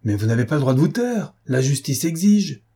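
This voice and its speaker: A man's voice: medium pitch, normal speed, dark tone, breathy edge, natural voice. A man reading an audiobook, voicing a commanding male police chief who presses and gives orders. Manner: urgent, commanding.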